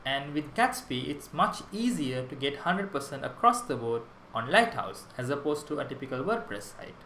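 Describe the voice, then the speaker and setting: A man's voice: a little high, pushed and bright, echoey room, slight background noise, low-quality recording. A young man from Sri Lanka giving a prerecorded conference talk on web development, enthusiastic and explanatory, with small restarts.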